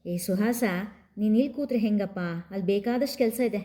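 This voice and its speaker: Take-charge older lady, brisk and bossy, woman narrator voicing her, storybook reading. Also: medium pitch, warm tone, lightly acted.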